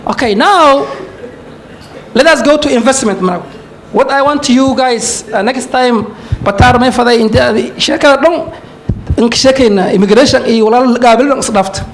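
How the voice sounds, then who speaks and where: A man's voice: extremely high pitch, normal speed, a little hiss or hum. A man from Somalia with a Somali accent, giving an emphatic forum talk as a university lecturer and switching between English and Somali. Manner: emphatic lecturing, with asides and chuckles.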